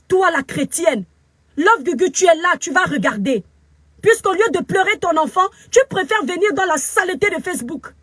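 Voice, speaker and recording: Woman w cameroonian french accent, super high pitched, very upset, scolding into her phone, dry sound. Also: a bit bright, dry recording. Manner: scolding, preachy, emphatic repetition. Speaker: social media commentator. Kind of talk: angry live video rant.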